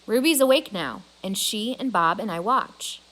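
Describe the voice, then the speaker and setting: A woman voicing a proud, grumbling male gorilla who narrates his own storybook tale in a measured, deliberate way. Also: mid-range voice, lively intonation, a bit bright, lightly acted, poor audio. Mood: observant. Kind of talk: storybook narration in first person.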